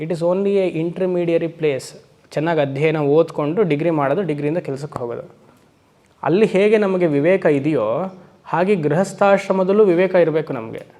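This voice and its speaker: A swami teaching Vedanta to a class. He keeps putting questions to his listeners and slows down for emphatic English phrases. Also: a little high, mellow. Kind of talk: spiritual lecture to a class. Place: lecture hall.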